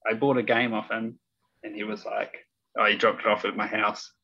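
A young New Zealand man with a low voice full of vocal fry. He chats in a laconic, low-key way on slightly muffled audio. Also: flat delivery, moderate pace, pushed and bright. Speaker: podcast guest. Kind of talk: casual chat.

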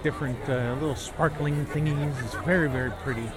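A man hosting a casual walk-around chat outdoors, rambling in a halting way. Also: on the high side, steady tone. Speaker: podcast host. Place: outdoors walking through a busy theme park. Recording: outdoor park noise and crowd.

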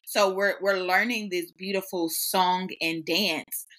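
A woman's voice: lowish voice, fairly even intonation, takes it slowly, a bit bright. A woman hosting a podcast, talking reflectively and affirming her guest, speeding up as she makes her points. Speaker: podcast host.

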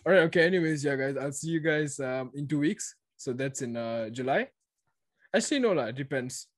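A man's voice: medium pitch, expressive, a little fast, dry recording. A young man hosting a casual podcast, rambling and repeating words in an upbeat way. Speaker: podcast host.

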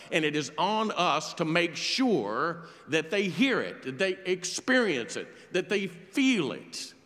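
A man preaching a sermon in a church, telling a story in a measured, earnest way. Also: a little high, fairly bright tone, long reverb tail. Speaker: pastor. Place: church sanctuary.

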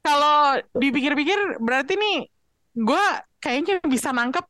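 A woman's voice: sits high, animated, a bit bright, no echo, clean studio sound. A woman, hosting a casual podcast and teasing her guests playfully. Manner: playful, drawn-out okays, teasing. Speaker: podcast host.

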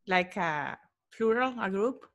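Venezuelan woman guest, native Spanish speaker, slow and hesitant in English, easy casual chat. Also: medium pitch, lively intonation, fairly bright tone, dull audio. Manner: hesitant, searching for English words.

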